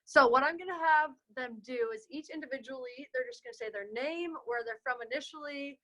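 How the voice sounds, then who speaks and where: A woman's voice: sits high, pushed and bright, poor audio. A young woman moderating a casual student webinar over a video call, upbeat and chatty. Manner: upbeat, chatty, quick transitions.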